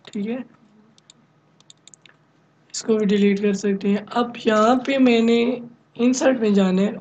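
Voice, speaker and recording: A man teaching a software lesson on a screen recording, explaining each step, often checking with "okay?", and mixing in English technical terms. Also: sits high, slight background noise, rough recording. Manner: mixes many English software terms into his talk. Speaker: computer instructor.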